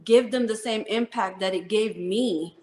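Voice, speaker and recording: A woman's voice: medium pitch, unhurried, darkish tone. Earnest woman in an echoey room. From Philippines, raised in New Jersey. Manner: earnest, heartfelt storytelling with fillers. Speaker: Army first sergeant, guest. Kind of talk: interview conversation.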